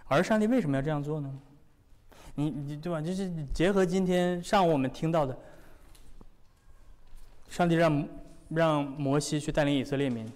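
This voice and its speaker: A man preaching a sermon, animated and full of rhetorical questions. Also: a little high, moderate pace, long pauses, in a large hall.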